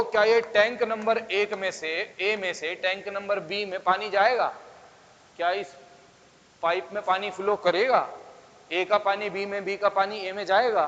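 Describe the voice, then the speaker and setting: A man's voice: high-pitched, a bit bright. Quizzing male teacher in a reverberant classroom. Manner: coaxing, keeps asking the class questions. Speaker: physics teacher. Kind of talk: classroom lecture. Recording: dull sound with long reverb.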